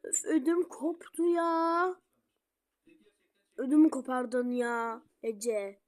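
A woman voicing a grumpy, sleepy father in a toy-game role-play, grumbling in a lowered voice. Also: steady tone, takes it slowly, a little mellow. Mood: startled grumble.

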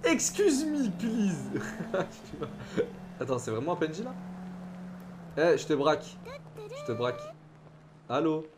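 A man's voice: fairly high pitch, measured pace, long pauses, background noise. A man with a French accent in a role-play game, teasing and laughing.

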